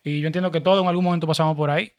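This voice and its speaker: A man, hosting a casual podcast chat in a quick, emphatic, colloquial way. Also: on the high side, fairly even intonation.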